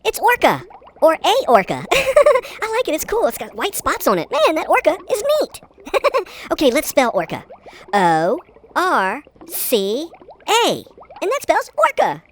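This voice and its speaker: A very high, lively woman voice, bouncing up and down as she spells out words for small children. She giggles a lot and sounds excitable and playful, with a little faint hiss behind her. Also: measured pace. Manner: giggly, excitable, sing-song. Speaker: host of a kids' spelling video.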